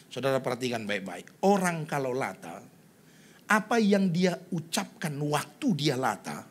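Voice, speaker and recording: A middle-aged male pastor preaching a sermon, constantly addressing the congregation and breaking into sudden loud bursts. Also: mid-range voice, breathy edge.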